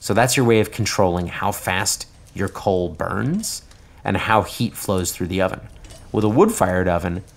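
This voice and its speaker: Low-voiced man explaining pizza ovens. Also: big pitch swings, unhurried, gravelly. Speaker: pizza tour guide. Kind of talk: interview clip.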